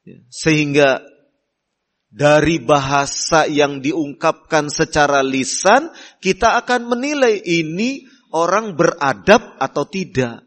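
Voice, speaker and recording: A middle-aged man preaching a sermon, teaching slowly and deliberately with frequent "ya" fillers and soft acted-out quotes of polite hosts. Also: a little high, lively intonation. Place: Islamic boarding school hall.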